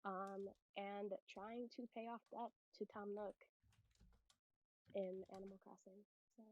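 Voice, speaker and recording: A woman's voice: mid-range voice, flat delivery, measured pace, a little mellow. A woman giving a casual, upbeat introduction on a podcast. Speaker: podcast guest. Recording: muffled lo-fi mic.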